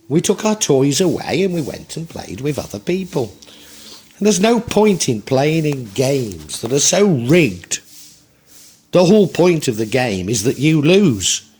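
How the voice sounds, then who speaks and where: A man's voice: mid-range voice, a little mellow. A man in his sixties giving a tarot reading in a reflective, rambling way with frequent restarts. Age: 60s. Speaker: tarot reader.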